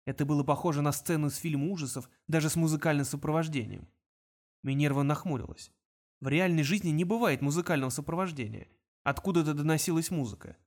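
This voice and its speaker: A man's voice: a little high, fast. Man narrating an audiobook. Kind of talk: scripted narration.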